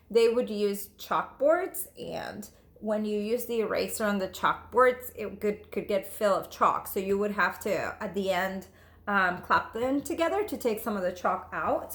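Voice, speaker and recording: Speaking directly to the children listening, a female teacher reads from a storybook with expressive, emphatic delivery. Her pitch is medium.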